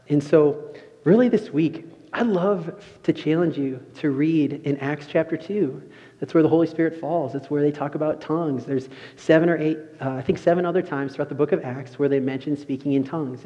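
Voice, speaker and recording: Young male pastor preaching in an echoing hall. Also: fairly high pitch. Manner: animated storytelling. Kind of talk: sermon. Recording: muffled sound, long reverb of a large room.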